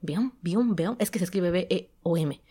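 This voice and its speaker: A Mexican woman hosting a podcast, casually retelling a story in a chatty way and often pausing to search for the right word. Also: fairly low pitch, dark tone, breathy edge. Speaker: podcast host and novelist.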